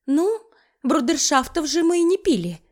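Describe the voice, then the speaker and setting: A woman voicing a clumsy, flustered young pregnant woman who talks high and breathless. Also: expressive, normal speed, a little mellow.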